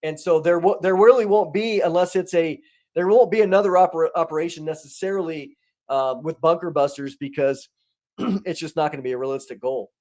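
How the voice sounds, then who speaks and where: A man with a fairly high voice gives conversational commentary as a guest. He talks in an animated way, with many restarts. His emphasis keeps rising. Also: brisk.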